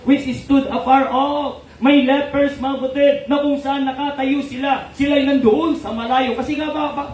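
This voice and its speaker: A man with a Filipino accent delivers a sermon, moving between Tagalog and English and checking in with his listeners. His voice sits very high. He is recorded from a distance in an echoey hall, with faint noise underneath. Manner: preaching, mixing Tagalog and English, calling "amen?" often. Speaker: pastor. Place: church hall.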